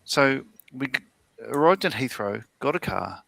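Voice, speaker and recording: Gravelly, bright-voiced Australian man. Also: medium pitch, lively intonation, unhurried, no room sound. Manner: rambling storyteller with many fillers and restarts. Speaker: livestream co-host. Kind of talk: casual chat.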